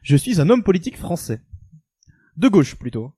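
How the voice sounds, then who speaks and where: A man with a lively, swinging voice pitched a little high, hosting a guessing game among friends. He quizzes his guests playfully, and the sound is dry and close. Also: moderate pace, husky, no echo. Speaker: host running a guessing game. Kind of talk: casual banter.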